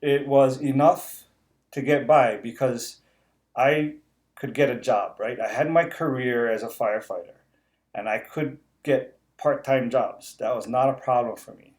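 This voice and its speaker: A man's voice: mid-range voice, measured pace, a little mellow. Earnest man with many "right?" asides. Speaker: interview host. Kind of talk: casual live interview.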